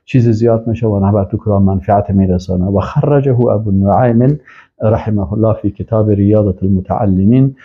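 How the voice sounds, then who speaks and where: A low, gravelly-voiced man gives a lecture on Islamic texts. He reads Arabic lines aloud and then explains them, pushing up into emphatic rises. The recording sounds dull and lo-fi. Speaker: Islamic studies teacher.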